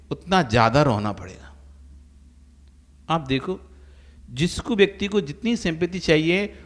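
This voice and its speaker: A man's voice: high voice, sharp tone. A man, a monk, giving a sermon and telling everyday stories with acted-out voices. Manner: storytelling with acted-out quoted voices. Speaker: Jain monk preacher. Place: preaching hall. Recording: long hall reverb.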